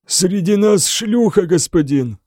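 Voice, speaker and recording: A man's voice: sits high, animated, slow pace, darkish tone, no room sound, studio quality, pitched above the performer's own voice, heavily acted. A man voicing a blind, raving monk who wails and chants fanatical accusations. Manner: shrieking, wailing chant.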